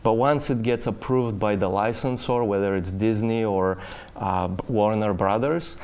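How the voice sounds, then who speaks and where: A middle-aged Bulgarian painter, appearing as a studio guest, tells his story in a casual interview full of fillers and restarts. His fairly low voice is smooth and a little mellow, delivered at normal speed.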